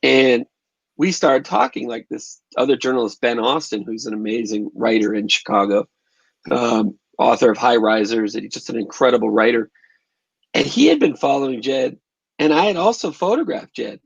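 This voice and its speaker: A man's voice: mid-range voice, expressive, normal speed, vocal fry, slightly rough, dry recording, muffled recording. A man filmmaker answering interview questions in a thoughtful, conversational way, often restarting his phrases. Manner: thoughtful, restarts phrases while recalling events. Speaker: documentary filmmaker and photographer.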